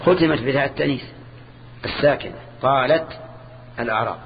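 An older man teaching grammar in a classroom lesson, measured and repetitive, quizzing his students. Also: medium pitch. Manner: measured, repeats key terms, quizzes students. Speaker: sheikh teaching Arabic grammar. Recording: dull lo-fi old lesson tape, faint hiss.

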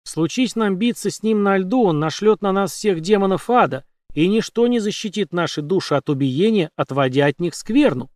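Narrator doing a grave ally with archaic speech, dry close recording. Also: male voice, sits high, lively intonation, normal speed, few pauses, a little mellow, no room sound, voice pushed up.

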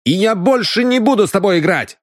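A man's voice: sits high, very animated, slow, breathy edge, no room sound, studio quality, voice pushed up, heavily acted. A man playing a blustering young lord. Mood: indignant. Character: angry young lord, hot-tempered.

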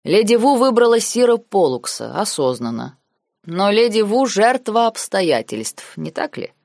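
A woman reading the lines of a cold, calculating noble uncle in an audiobook, measured and sarcastic. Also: mid-range voice, big pitch swings, vocal fry, darkish tone, no echo, studio quality, voice pushed up. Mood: cold, lecturing. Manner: measured, lazy, coldly sarcastic.

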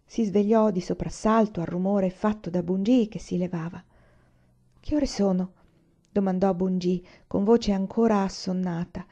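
Woman audiobook narrator, mellow and measured, lo-fi recording. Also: mid-range voice. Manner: measured, expressive reading with slow pauses. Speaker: audiobook reader. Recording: dull lo-fi sound.

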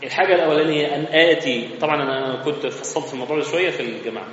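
An Egyptian man with a fairly high voice gives a conversational religious lesson and explains each point step by step. His voice carries a long reverb from a large mosque hall. The recording is slightly muffled, with faint room noise underneath. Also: very fast, a bit bright. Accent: Egyptian Arabic. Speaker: religious teacher.

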